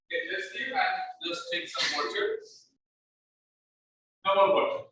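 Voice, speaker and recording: A man's voice: sits high, drawn-out words, recorded from a distance, background noise. Sex: man. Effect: heavy echo. Role: teacher. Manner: explains step by step, mixing two languages. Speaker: science teacher. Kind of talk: online class lecture. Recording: echoey online class audio.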